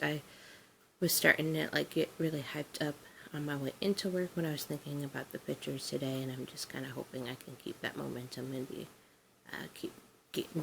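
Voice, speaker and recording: A woman's voice: low-pitched, vocal fry, slight background noise, rough recording. A woman vlogging casually at home, rambling and easygoing with lots of fillers. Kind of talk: casual diary-style chat.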